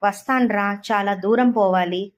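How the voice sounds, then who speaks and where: A woman's voice: mid-range voice, moderate pace, natural voice. Woman voicing a tender ghostly old mother. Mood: anxious. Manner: tender, anxious, pleading. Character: gentle worried old mother's spirit in a dream.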